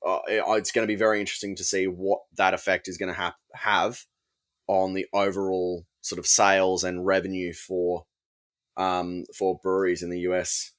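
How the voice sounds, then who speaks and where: Australian man, low voice, podcast co-host, measured, lots of um fillers. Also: flat delivery, a bit bright. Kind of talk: casual beer podcast chat.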